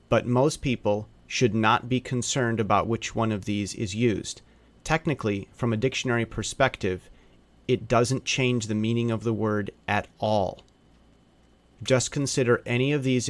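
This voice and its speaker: Man, phonics teacher, slow careful narration, sounds out each letter, mid-pitched voice, dry close recording. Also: no room sound.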